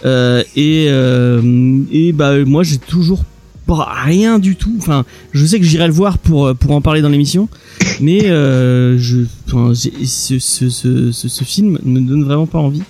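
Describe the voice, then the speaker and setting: A man's voice: a little high, measured pace, dark tone, faint music behind. A man hosting a film podcast, chatting casually and hesitantly, with many restarts. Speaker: podcast host.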